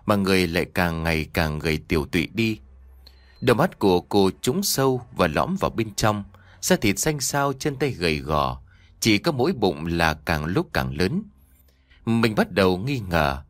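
A man narrating a horror audio story in an expressive, storytelling manner. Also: deep voice, normal speed, no echo.

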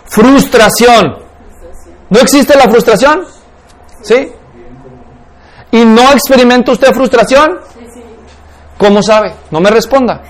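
A man teaching a class in a lecture on spiritual life, constantly questioning his students. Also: extremely high pitch. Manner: keeps asking the class questions.

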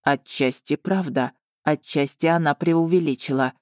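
A proud male dragon, as a woman reader puts him on, deep for her register and slow, measuring out each clipped word with cold authority. The recording is dry, close and bare of room sound, as in a storybook audiobook. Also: little pitch movement, dry recording, close to an everyday voice. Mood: guarded. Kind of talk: audiobook narration.

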